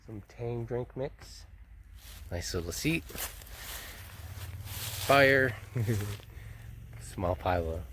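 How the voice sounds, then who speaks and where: A mid-range, slightly bright voice comes through very slowly and animatedly, with frequent pauses and a little hiss or hum. The speaker is a man thru-hiking in the mountains and vlogging on a hand-held phone, chatting in a rambling, casual way, laughing often, cursing occasionally, sometimes winded.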